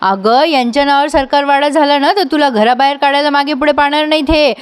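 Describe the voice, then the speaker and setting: A woman's voice: high-pitched, quick pace, natural voice. A woman voicing a worried, protective young sister-in-law in a serial recap, warning and pleading.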